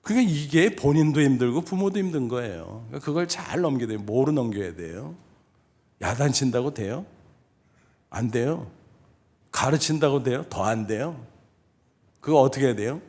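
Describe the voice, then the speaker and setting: Man, fifties, pastor, conversational sermon, rhetorical questions, mid-pitched voice. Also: expressive, normal speed, long pauses, a little mellow. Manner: conversational preaching with rhetorical questions and acted inner dialogue. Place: church sanctuary.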